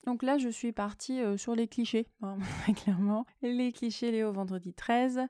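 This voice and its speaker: Soft-spoken woman reading her own stories. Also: a little high, steady tone, moderate pace, clear, resonant tone. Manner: conversational, hesitant asides with fillers. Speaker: podcast host and author. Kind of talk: reading her own creative writing with commentary.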